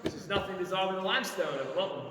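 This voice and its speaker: A man's voice: high voice, fast talker, noisy background. A man working as a cave tour guide, explaining in short projected phrases to visitors inside a cave. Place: inside a large limestone cave. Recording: echoing cave, long reverb, distant mic.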